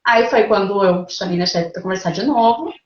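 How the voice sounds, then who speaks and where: A woman guest telling her own motherhood story in an earnest, animated way, quoting her own thoughts over a video call. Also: mid-range voice, fairly quick, a little hiss or hum. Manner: earnest, animated retelling with quoted inner thoughts. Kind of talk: emotional personal storytelling. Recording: roomy, dull lo-fi call audio.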